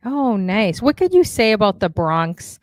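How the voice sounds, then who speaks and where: A woman's voice: medium pitch, very animated, a little slow, dry recording, studio quality. A woman from Canada hosting a casual livestream talk show, chatty and upbeat, with lots of fillers.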